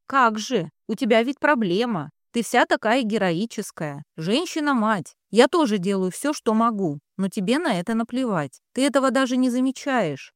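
A frustrated, blunt young man in a storybook, as a woman reader puts him on. He talks in exasperated outbursts with a lively, swinging pitch, and the recording is dry and close. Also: no room sound, close to an everyday voice. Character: young strong man, frustrated, secretly in love.

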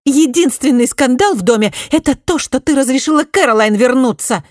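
Woman voicing a shrill accusing young noblewoman, high pitched and loud, dry sound, storybook reading. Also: animated, moderate pace, no room sound. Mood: indignant.

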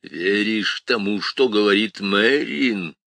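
A man reading an audiobook voices a menacing demon that mocks in a slow, gloating drawl. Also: lowish voice, creaky, a bit bright, no room sound, full character voice. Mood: taunting.

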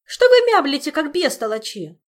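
A woman's voice: high voice, very animated, moderate pace, voice pushed up. A woman reading an audiobook, voicing a bewildered young woman who cries out in agitated dismay. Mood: yelling.

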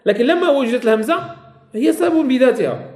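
A man's voice: very high voice, animated, quick pace, a little mellow, echoey room. A man teaching a classroom lesson on Quran recitation rules, repeating key phrases and quizzing his students.

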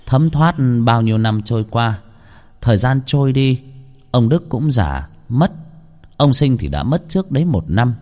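A man narrating a ghost story in a dramatic, lively storytelling manner. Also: medium pitch, unhurried.

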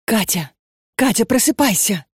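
A desperate young woman begs in a high, breathless rush, close to tears, as a woman narrator voices her. Her voice sits well above the reader's own. The sound is dry and close, with no room around it. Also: animated, measured pace, slightly rough, no echo, exaggerated voice. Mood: panicked. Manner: pleading, breathless, frantic. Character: distraught young woman, tearful and begging.

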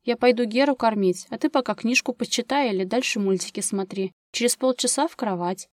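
A woman reading the part of an anxious, overworked young woman who talks in a tense, agitated way and flares up easily, pitched above her narrating voice, in a dry recording of an audiobook. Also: brisk, no room sound, close to an everyday voice.

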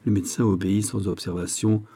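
A man reading a classic novel aloud as an audiobook narrator, shading the dialogue with small shifts of pitch and level but no full character voices. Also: flat delivery, fast talker, dark tone, breathy edge.

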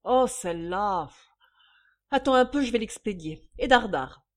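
A woman's voice: mid-range voice, expressive, measured pace, close to an everyday voice. A woman reading a novel aloud, voicing a brash, mocking young demimondaine. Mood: impatient. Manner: loud, mocking, slangy.

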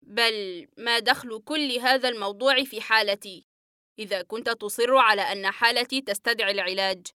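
A woman's voice: a little high, steady tone, moderate pace, clean tone, no room sound, studio quality. A woman reading the part of an agitated male patient in an audiobook, breathless and trembling as she voices him. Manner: breathless, trembling, flaring into shouts.

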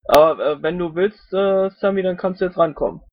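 A man moderating an online meeting, brisk and casual as he hands over the floor. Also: sits high, no room sound, lo-fi sound.

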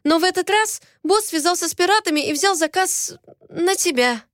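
A woman's voice: moderate pace, a bit bright, dry recording, studio quality. A woman doing a flustered young female mechanic. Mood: pleading. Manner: high, flustered, indignant.

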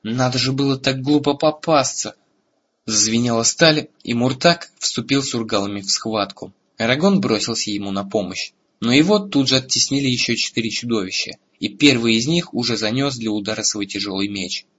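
A man narrating a fantasy audiobook in a steady storytelling manner, in a lo-fi recording. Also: medium pitch, fairly quick, hardly any pauses, breathy edge. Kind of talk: scripted narration.

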